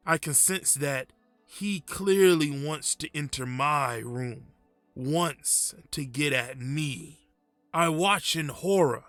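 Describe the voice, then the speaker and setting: A man performs a frightened, muddled man telling his own horror tale in hushed, creeping unease. The delivery is very slow and halting, with a slightly high male pitch and a wry edge. Soft music sits behind the roomy sound. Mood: creeping dread. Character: frightened confused man haunted by screaming apparition, wry. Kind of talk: first-person horror story narration.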